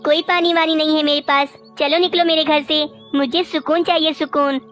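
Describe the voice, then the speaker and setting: A woman voices a spoiled young wife crow in a cartoon, sharp-tongued and scornful. The voice is high, with faint music underneath. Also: steady tone, moderate pace, dull audio. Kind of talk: cartoon voice acting.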